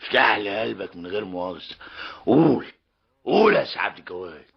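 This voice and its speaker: A mocking, stubborn older tradesman and father in an old radio comedy drama, with an Egyptian Arabic accent. His gravelly, husky voice swoops up and down theatrically. It comes through a dull, lo-fi old radio recording. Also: lowish voice, lively intonation, fast talker, exaggerated voice. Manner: mocking, theatrical, keeps repeating a polite tag.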